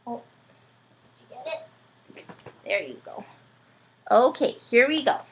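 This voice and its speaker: There's slight background noise as a woman with a fairly high voice leads a children's read-aloud session alongside her puppet sidekick, taking her time. She's animated and playful, constantly asking the kids questions.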